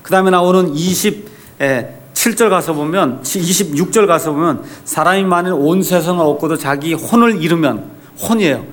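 Pastor preaching, higher male voice. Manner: asks the congregation questions and answers them; reads scripture slowly and deliberately. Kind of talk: sermon.

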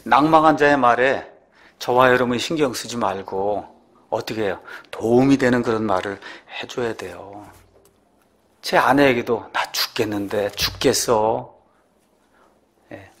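A man's voice: medium pitch, moderate pace, a bit bright. A middle-aged male pastor preaching a sermon, asking rhetorical questions and acting out pleading prayers. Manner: emphatic preaching, rhetorical questions, acts out laments.

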